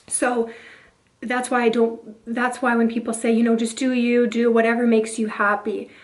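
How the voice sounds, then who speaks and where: Hoarse woman with an even, higher-pitched voice. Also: normal speed. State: hoarse, voice lost after a breathing tube in surgery. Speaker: vlogger. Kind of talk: earnest personal talk to camera.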